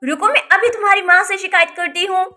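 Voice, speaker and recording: Woman doing a shrill indignant aunt. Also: lively intonation, normal speed, bright, forceful tone, heavily acted. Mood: shocked. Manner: shrill, complaining.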